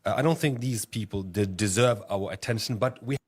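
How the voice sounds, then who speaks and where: Male lecturer, low voice, earnest and measured delivery. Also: husky. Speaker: speaker in a played debate clip. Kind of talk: lecturing commentary.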